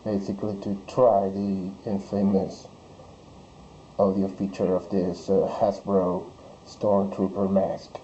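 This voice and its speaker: A man speaks slowly and haltingly in a casual product-test vlog, with a low, mellow voice. He is recorded outdoors on a dull camera microphone, with faint background noise. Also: completely flat delivery. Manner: halting, searching for words. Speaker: vlogger testing a toy mask.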